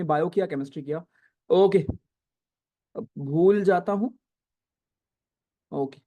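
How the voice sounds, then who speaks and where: A young man teaches a live online exam-prep class in a high, dark-toned voice, chatting away in a mix of Hindi and English. He reads out student questions and keeps checking in with "right?"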